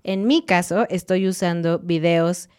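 Woman cohosting a spanish podcast, smooth clear voice, a bit low, explains step by step. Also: fairly even intonation, a little slow, a little mellow. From Mexico. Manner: clear, explanatory, lightly joking. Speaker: podcast co-host and Spanish teacher. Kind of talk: casual educational podcast chat.

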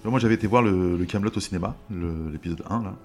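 Low-voiced man, relaxed film chat. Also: fast talker, faint music behind. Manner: relaxed, hesitant, many fillers. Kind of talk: casual chat about films.

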